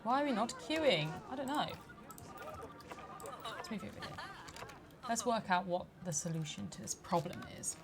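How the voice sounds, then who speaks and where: A woman giving casual let's play commentary as she builds a park, chatty and quick to laugh. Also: mid-range voice, lively intonation, over music. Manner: chatty, laughs often, mock-outraged at park guests. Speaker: community manager streaming a game.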